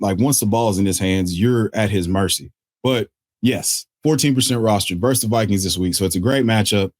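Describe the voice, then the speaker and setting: A man hosting a casual fantasy football waiver breakdown, excitable and joking, correcting himself on the fly. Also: medium pitch, no echo, studio quality. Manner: excitable, joking asides, quick self-corrections. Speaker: fantasy football analyst host. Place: at a desk indoors.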